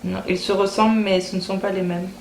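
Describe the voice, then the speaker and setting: A woman's voice: medium pitch, flat delivery, fairly quick, gravelly, a little mellow. A woman chatting casually through a beauty haul video, often repeating words as she thinks aloud. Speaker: beauty vlogger. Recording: roomy echo, faint background hiss.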